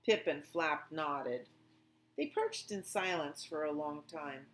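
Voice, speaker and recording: A woman with a fairly low voice hosts storytime for little children. She reads and explains slowly and simply, with very lively, swooping intonation. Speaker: children's library storytime host. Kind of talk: storybook read-aloud and songs for young children.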